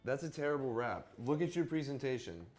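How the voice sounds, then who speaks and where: A man's voice: medium pitch, big pitch swings, brisk, loud music behind the voice. A man bantering casually as he cooks, rambling and joking at his own expense in a giggly, tipsy way. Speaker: cooking show contestant and host.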